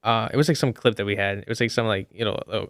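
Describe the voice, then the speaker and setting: A man's voice: on the low side, very fast, no echo, clean studio sound. A young man in casual podcast chat, telling a story with lots of fillers and restarts. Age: young adult. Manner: rambling, many fillers and restarts.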